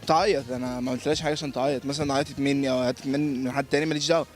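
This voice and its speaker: A man's voice: medium pitch, steady tone, very fast. A man with an Egyptian accent giving offhand, dismissive answers to a street interviewer.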